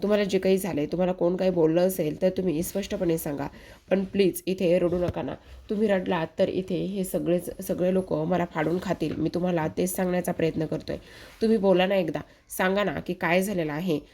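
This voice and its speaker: A woman reading the lines of a flustered young man who keeps insisting he did nothing, in a low, mellow voice close to her own. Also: fairly even intonation, a little fast. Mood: pleading. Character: flustered young man pleading his innocence.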